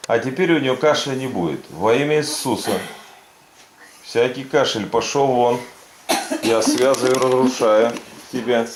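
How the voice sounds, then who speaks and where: In an unhurried mid-range voice, a man preaching faith healing insistently commands prayer and coaches with brief, repeated phrases. The audio is echoey, captured from a distant microphone with faint background noise.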